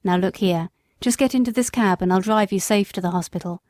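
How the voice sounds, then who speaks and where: A woman's voice: medium pitch, brisk, darkish tone, no room sound, close to an everyday voice. A woman reading a kind, firm cab driver. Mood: kindly firm. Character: kind, steady London cab driver, older man.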